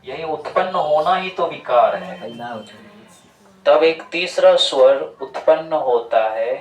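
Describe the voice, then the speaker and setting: A man's voice: a little high, animated. A man teaching a grammar lesson to a classroom of students, repeating points and quizzing them as he goes. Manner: slow, repetitive explaining, quizzing students. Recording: echoey classroom from far off.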